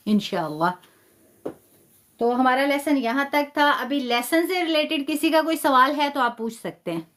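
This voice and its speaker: In a live online lesson on reciting the Quran, a woman praises her students while patiently sounding things out at a slow pace. She speaks in a high, slightly bright voice.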